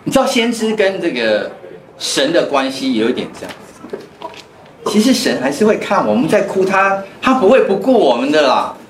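The pastor's voice is a little high and very animated, though his pace stays moderate. He teaches his Bible class conversationally, sharing anecdotes from his life. Faint noise and a noticeable echo fill the church classroom.

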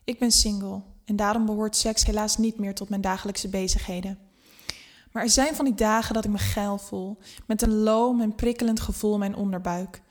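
A woman narrates a first-person erotic story, unhurried and intimate. Her reading is scripted and steady, and it drops to a near hush at times. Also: medium pitch.

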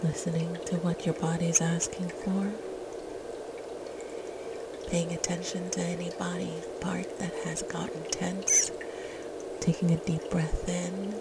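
A woman leading a guided meditation in a soft, soothing, gentle spa-like whisper, as the host. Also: lowish voice, little pitch movement, slow pace, pauses often, very noisy. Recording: loud watery ambience, dripping water. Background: running and dripping water ambience.

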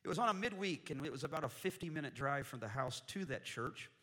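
A man preaching a sermon as a missionary, telling a humorous story in a jokey, animated way with sudden loud bursts. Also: fairly high pitch, fast talker.

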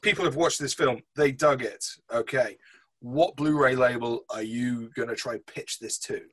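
A man's voice: mid-range voice, moderate pace, fairly bright tone, slightly rough. A man co-hosting a casual film review podcast, upbeat and chatty. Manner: upbeat, chatty, says mate. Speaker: podcast co-host.

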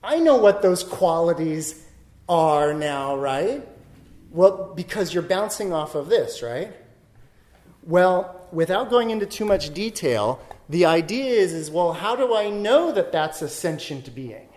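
A man's voice: high-pitched, animated, takes it slowly, a little mellow, echoey room. A man giving a dharma talk, explaining ideas step by step and thinking aloud, often checking in with "right?". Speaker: dharma teacher.

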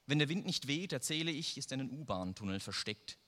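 A man's voice: mid-range voice, animated, brisk, bright, forceful tone. A man reading a first-person story aloud in a dry, wry manner. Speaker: narrator. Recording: long reverb.

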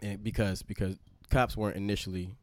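New guy on a podcast, lowish voice, dry close sound, kinda halting. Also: no room sound. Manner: relaxed, halting, many "like" and repeated words. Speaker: podcast co-host. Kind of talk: casual chat.

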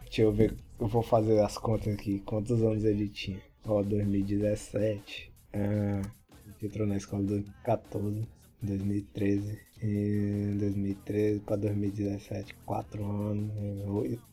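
A man's voice: on the low side, completely flat delivery, moderate pace, dark tone, faint music behind. A young Brazilian man on a podcast, casually telling school stories with lots of slang and swearing, laughing as he goes. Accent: Brazilian Portuguese. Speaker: podcast co-host. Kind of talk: casual storytelling chat.

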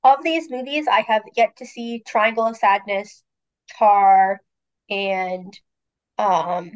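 A woman's voice: medium pitch, fairly even intonation, slow pace, muffled recording. A woman co-hosting a movie podcast, a little congested from a cold, chatting frankly with fillers. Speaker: podcast co-host. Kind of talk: casual podcast chat.

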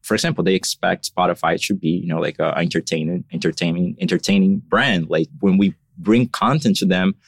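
A man's voice: low voice, fairly even intonation, brisk, gravelly, hardly any pauses, slightly rough, no room sound, clean studio sound. A man from Brazil, a guest on a podcast, talking casually and thoughtfully, with lots of "you know" and "like" in his answers. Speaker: podcast guest, marketing lead.

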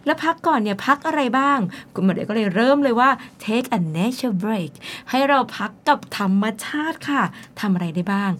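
A woman's voice: on the high side, lively intonation, normal speed, few pauses. A woman hosting a bilingual lesson, chatty and explanatory, often acting out small examples with exclamations. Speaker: host translating into Thai. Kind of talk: bilingual radio English lesson.

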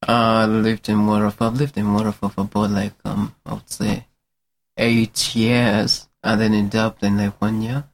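A man's voice: lowish voice, flat delivery, normal speed. A man from Uganda, a musician guest, who answers in a hesitant way with many fillers.

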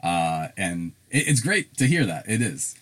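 A young man with a slight Southern drawl, co-hosting a podcast in casual, candid chat, often swearing and trailing off quietly. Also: low-pitched, big pitch swings, unhurried. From South Carolina. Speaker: podcast co-host.

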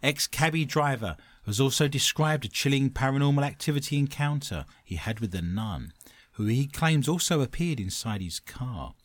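Male host, animated intonation, dramatic ghost-story narration, hushed phrase endings, banter, dry close sound. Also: medium pitch, normal speed, dry recording. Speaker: host of a paranormal quiz show.

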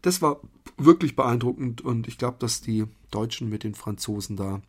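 A man's voice: medium pitch, moderate pace, husky. A man from Germany hosting a podcast, talking in a chatty, rambling monologue full of fillers and restarts. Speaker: podcast host. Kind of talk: casual monologue.

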